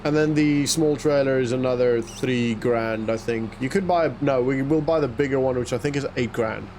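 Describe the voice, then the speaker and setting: Playing a farming game, a man whose first language is Afrikaans keeps up a rambling, self-directed chatter, chuckling to himself like a gaming YouTuber doing casual let's-play commentary. He speaks at medium pitch and a moderate pace in a slightly mellow voice, over a little hiss or hum.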